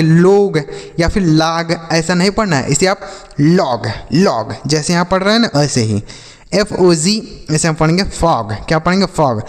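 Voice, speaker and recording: A man's voice: high voice, long reverb tail. A man teaches English phonics to students. He keeps quizzing them with questions and then answering them himself. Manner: repetitive quiz-style questions and answers. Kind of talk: classroom-style phonics lesson.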